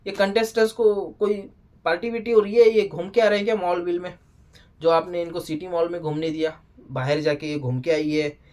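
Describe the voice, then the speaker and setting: A TV show reviewer giving a casual spoken episode recap, animated, often exclaiming and scolding the people on screen. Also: medium pitch, a little fast.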